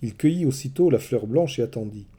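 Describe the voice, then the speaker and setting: A man telling a mythology story in scripted, expressive narration. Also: mid-range voice, fairly quick, breathy edge.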